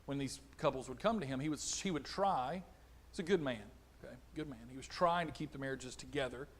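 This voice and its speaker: A middle-aged man preaching a conversational sermon, animated, acting out little exchanges. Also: mid-range voice, a little fast, slight background noise. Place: church auditorium.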